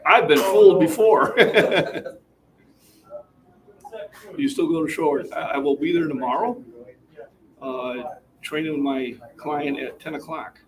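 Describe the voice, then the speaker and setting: A man's voice: a little high, slow pace, long pauses, a crowd in the background. A man in his sixties hosting a gym livestream, chatting to viewers while he catches his breath between lifts. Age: 60s. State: slightly out of breath. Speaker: fitness livestream host. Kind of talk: casual chat to a live chat between lifts. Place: gym, indoors. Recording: distant mic with faint room noise.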